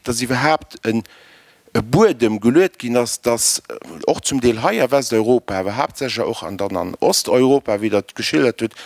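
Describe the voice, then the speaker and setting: Brief: man, mid pitch, dry sound, critical audience speaker who searches for words. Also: creaky, no echo. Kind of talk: conference discussion.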